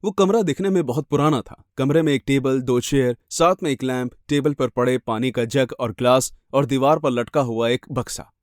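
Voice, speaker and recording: A man's voice: mid-range voice, moderate pace, few pauses, a little mellow, dry recording, studio quality. A man reading a first-person horror story with dramatic, suspenseful delivery.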